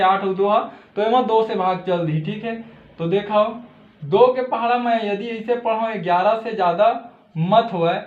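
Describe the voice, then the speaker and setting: A man with a Chhattisgarhi accent teaching a school math lesson, patient and steady, checking in often with short asides to his students. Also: high-pitched. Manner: patient, repeats "theek hai" often. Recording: echoey room, dull lo-fi sound.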